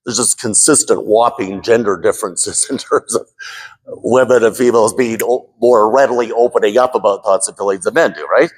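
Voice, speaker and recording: A man's voice: lowish voice, moderate pace, slightly rough. A man explains a point in a conversational, matter-of-fact way.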